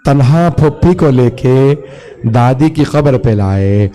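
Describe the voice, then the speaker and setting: A man preaching a mourning sermon, reciting a slow, chanting lament that swells into cries. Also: medium pitch, lively intonation, dark tone. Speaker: cleric reciting a majlis.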